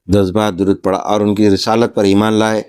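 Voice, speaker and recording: Man, lowish voice, Pakistani Urdu accent, reads a religious story and explains it as he goes. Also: flat delivery, a little mellow, clear, resonant tone. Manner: reads a passage, then explains it in plain words. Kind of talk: reading and explaining a religious text.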